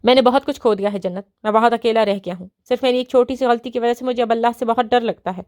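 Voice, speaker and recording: A woman's voice: a little high, fairly even intonation, darkish tone, dry recording, studio quality, natural voice. A woman voicing a remorseful, broken man who pleads for forgiveness. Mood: pleading.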